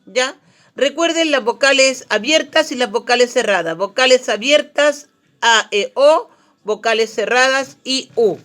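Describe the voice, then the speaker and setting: A woman's voice: high voice, measured pace. A Chilean woman who teaches primary school, giving a recorded grammar lesson. She explains step by step, often checks in with her pupils, and encourages them. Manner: warm and encouraging toward pupils.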